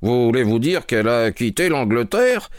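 A man voicing a calm, sharp detective with a measured, dry manner in an audiobook reading. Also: medium pitch, no echo, voice pushed up, natural voice. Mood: composed.

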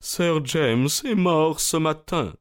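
Man putting on a high solemn old butler. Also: a little slow, clear, resonant tone, natural voice. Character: solemn elderly male butler, formal.

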